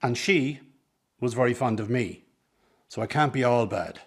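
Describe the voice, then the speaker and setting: In a radio drama, a man plays a smooth-talking, scheming circus man who is the mother's old flame, speaking in an ingratiating, persuasive, coaxing way with an earnest mood. His voice is medium-pitched and slightly rough, at normal speed, and the acting is light.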